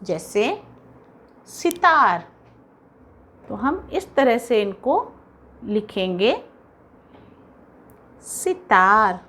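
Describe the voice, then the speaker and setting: A woman teacher slowly spelling out words sound by sound for young children, patient and instructive. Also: medium pitch, big pitch swings, a bit bright. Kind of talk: slow, careful classroom dictation for young children.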